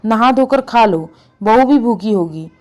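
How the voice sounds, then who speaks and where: A woman reading as a weary middle-aged village aunt in a spoken storybook. She is resentful and brushes things off with dismissive replies. The voice sits a little high. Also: expressive, measured pace, a little mellow.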